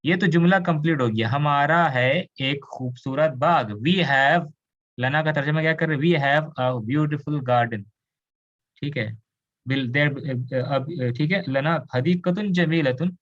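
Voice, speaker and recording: A man's voice: on the high side, slow pace, fairly bright tone, highs cut off. A man from India teaching an Arabic grammar class, explaining patiently, switching into English and asking students questions. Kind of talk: online class lecture.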